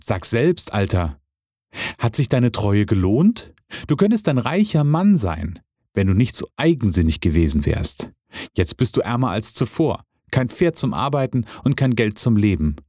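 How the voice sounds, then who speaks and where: A man voicing an excited, fretting village crowd with lamenting, exclamatory speech. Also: lowish voice, normal speed, no room sound, studio quality. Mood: reproachful.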